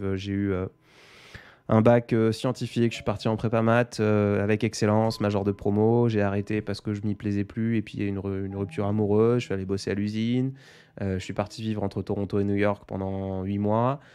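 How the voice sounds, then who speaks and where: A French-speaking man in his twenties hosts a laid-back live stream Q&A, answering viewer comments. His voice sits on the low side, warm and clean, and he rambles and hesitates with plenty of fillers while making fun of himself.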